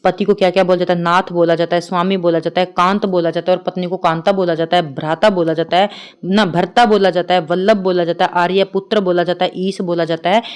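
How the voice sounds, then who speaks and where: A young adult woman teaching an online exam-prep grammar class, chatty, listing words in quick runs and checking in with her students often. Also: fairly low pitch, flat delivery, clean tone. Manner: chatty, repeats "ठीक है" often. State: tired.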